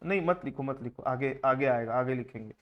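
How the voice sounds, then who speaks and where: A man's voice: medium pitch, brisk, highs cut off. A man teaching an accounting class in Hindi, often asking his students questions and mixing in English terms. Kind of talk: classroom lecture.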